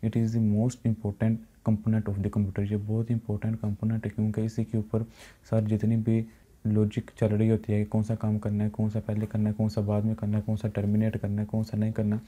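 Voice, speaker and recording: A man with a Pakistani Urdu accent teaching computer science in a recorded lecture, explaining in plain speech and reading English definitions slowly. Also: fairly low pitch, completely flat delivery, warm tone, husky. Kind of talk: recorded lecture over slides.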